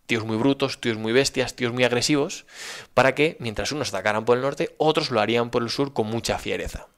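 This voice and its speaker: A man with a Spanish accent telling a story in a casual, animated, folksy way, often checking in with his listener. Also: medium pitch, fairly quick. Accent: Spain. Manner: animated, folksy, frequent "¿vale?" check-ins.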